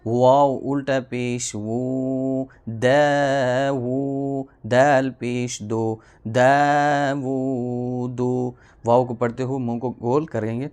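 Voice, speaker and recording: A man teaching a Quran reading lesson, explaining rules quickly, then spelling out letters and drawing syllables out slowly. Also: mid-range voice, a little mellow, smooth. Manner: fast explanations, then slow drawn-out syllables.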